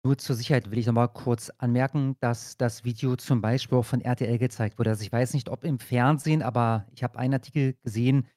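A man's voice: mid-range voice, steady tone, fast talker, few pauses, dark tone, no room sound, studio quality. A man hosting a casual news reaction show, talking loosely with frequent filler sounds and restarts. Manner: hesitant, many fillers and restarts. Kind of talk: casual commentary.

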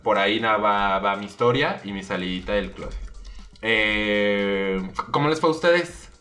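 A young man with a Mexican Spanish accent hosting a casual chat, telling his story in a lively way and laughing often. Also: fairly low pitch, measured pace, soft background music. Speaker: host.

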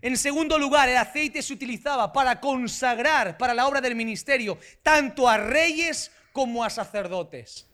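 High, bright-voiced Spanish preacher. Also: male voice, moderate pace, few pauses. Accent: Spanish from Spain. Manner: emphatic, rising to shouts on key phrases. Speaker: pastor. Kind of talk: sermon.

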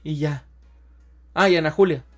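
A young Mexican man, a stand-up comedian, telling stories in a slangy, animated way and acting out what people said. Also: on the high side, normal speed, soft background music. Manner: animated storyteller, slangy, acts out quotes. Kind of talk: casual podcast chat.

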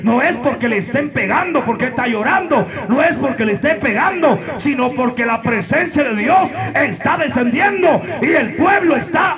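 A man preaching a sermon to a congregation, emphatic, firing off rhetorical questions and breaking into shouts. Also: very high-pitched. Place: church service with a congregation. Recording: live church recording with congregation noise.

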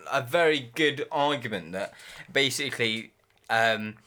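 A man's voice: medium pitch, a little slow, bright, forceful tone. A British man bantering casually as a podcast co-host, sweary and insistent as he argues his points.

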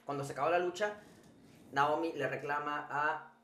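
A man's voice: on the high side, fairly even intonation, normal speed, fairly bright tone, echoey room. A man co-hosting a wrestling podcast, recapping matches in a joking way and using lots of colloquial slang. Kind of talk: casual chat.

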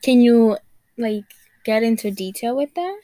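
In a dry recording, a teenage girl runs a student podcast, reading her introduction and prompting guests with plenty of "like" fillers. Her voice is high-leaning, dark in tone and expressive, moving a little slowly.

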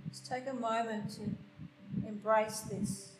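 A woman guiding a slow meditation in a soft, hushed, unhurried voice with long pauses. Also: on the high side, steady tone, slight background noise. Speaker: podcast host and meditation guide. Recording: roomy, echoing sound with faint music.

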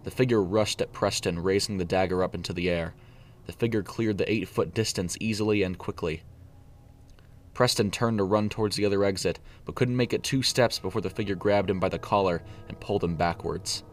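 Male narrator for a storybook reading: deep voice, steady and even delivery, faint noise behind him. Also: a little fast.

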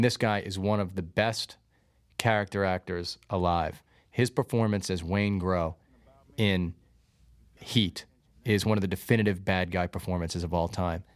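A man's voice: deep voice, moderate pace, dry recording. A man giving casual, anecdotal film commentary as a filmmaker, close on the microphone. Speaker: filmmaker and screenwriter.

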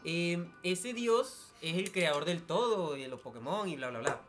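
A man's voice: a little high, expressive, measured pace, fairly bright tone. A young man co-hosting a casual podcast, talking loosely with slang and trailing asides. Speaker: podcast co-host. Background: faint background music.

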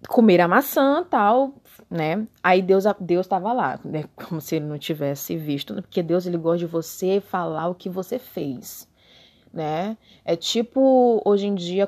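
A woman's voice: fairly low pitch, darkish tone. A tipsy woman reads the Bible aloud and mocks it in a casual, comedic way, swearing and drawling sarcastically. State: tipsy from beer. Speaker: comic commentator reading the Bible.

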